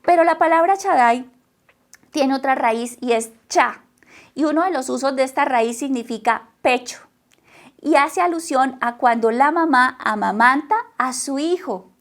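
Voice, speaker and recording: A woman's voice: high voice, measured pace. A woman preaching a sermon, who talks emphatically, repeats her phrases and keeps asking the listeners questions. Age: adult mother.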